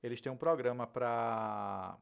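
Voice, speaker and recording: A man's voice: mid-range voice, measured pace, creaky, clean tone. A man from Brazil, a podcast guest chatting casually and acting out conversations as he tells stories. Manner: animated storyteller, acts out dialogue. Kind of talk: casual chat. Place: United States.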